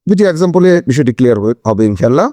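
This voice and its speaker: Lively-voiced man teaching a grammar lesson. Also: mid-range voice, racing, dry recording. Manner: explains step by step, asks questions and answers them himself. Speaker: English teacher.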